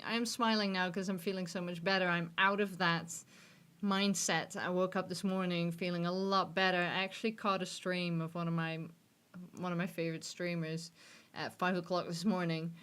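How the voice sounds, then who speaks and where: A vlogger in her thirties speaks with candor and sincerity to the camera from a gaming chair in a dimly lit room, laughing at herself and making false starts. Her voice is medium-pitched and a bit bright.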